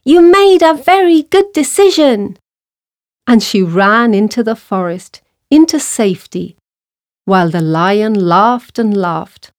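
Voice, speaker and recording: A woman reading a children's story aloud for a language exercise, clear and measured. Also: medium pitch, darkish tone, dry recording, studio quality. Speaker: narrator.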